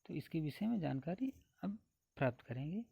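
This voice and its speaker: Man, grammar teacher, exam-prep syllabus lesson, repetitive, slightly high voice, dry close sound. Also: very animated, fairly quick, gravelly, warm tone, breathy edge, no echo. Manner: repetitive, walks through a numbered list, asks and answers own questions.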